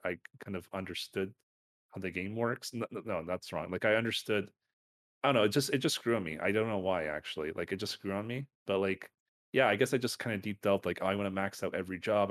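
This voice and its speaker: A man's voice: sits low, a bit bright. A man co-hosting a podcast, chatting casually about games and anime, rambling with lots of fillers and self-corrections. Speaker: podcast co-host.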